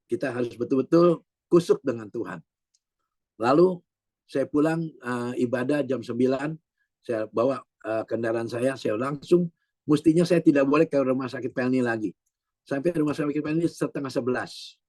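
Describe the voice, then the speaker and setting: A pastor in his sixties preaches a sermon, earnestly sharing his own prayer testimony and repeatedly addressing listeners as "saudaraku," meaning "my brothers and sisters." His mid-range voice moves at normal speed with a darkish tone, he acts out quoted voices, and there's no room sound.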